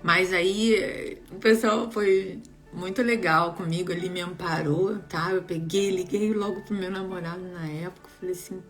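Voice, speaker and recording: Animated woman telling a story. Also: on the low side, moderate pace, hardly any pauses, soft background music. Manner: animated, expressive, laughs while telling. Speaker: vlogger sharing a personal story. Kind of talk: casual storytelling to viewers.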